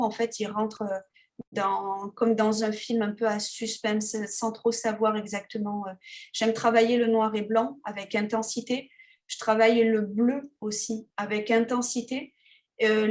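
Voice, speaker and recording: A woman's voice: fairly high pitch, a little mellow. A woman photographer talking casually as an interview guest, hesitant, with many fillers and restarts. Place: Tahiti.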